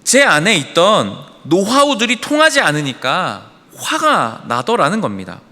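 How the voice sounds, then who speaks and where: Brief: male pastor, fairly high voice, emphatic sermon full of rhetorical questions, church hall with long reverb. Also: wildly swooping pitch, a little slow, pushed and bright. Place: church sanctuary.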